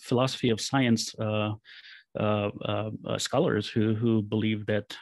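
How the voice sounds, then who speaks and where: Man from Israel, low even voice, thoughtful guest photographer, dry close sound. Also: dry recording. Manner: thoughtful, measured, with restarts. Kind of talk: reflective interview answers.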